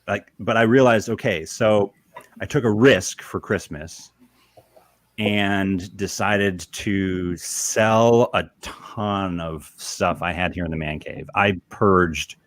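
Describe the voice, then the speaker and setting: A man hosting a casual podcast chat with friends, animated and teasing, laughing often. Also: deep voice, takes it slowly, dry recording. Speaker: podcast host.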